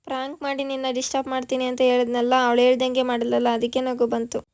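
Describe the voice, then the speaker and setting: A woman doing a quick-witted younger sister smoothing over a lie. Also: high voice, monotone, a little mellow. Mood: explaining. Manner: coaxing, explaining.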